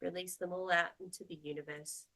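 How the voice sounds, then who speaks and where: Guiding a meditation, a yoga teacher speaks in a lowish, steady voice. Her manner is soothing, measured, and gently instructive.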